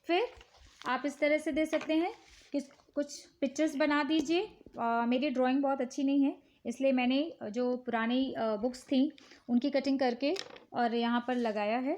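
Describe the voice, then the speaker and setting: High-voiced Indian woman teaching patiently. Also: a little mellow, highs cut off. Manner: slow, patient, repeats "ठीक है" often. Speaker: teacher showing worksheets. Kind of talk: casual instructional talk.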